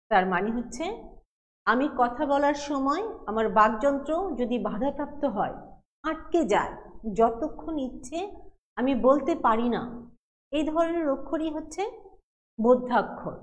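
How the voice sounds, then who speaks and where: A middle-aged woman college teacher giving a patient classroom lecture, explaining step by step and asking questions she then answers. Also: sits high. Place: classroom with a board. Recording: long hall reverb.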